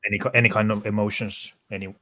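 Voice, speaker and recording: A man co-hosting a casual book chat, halting and laughing. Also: lowish voice, little pitch movement, fairly bright tone. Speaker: podcast co-host.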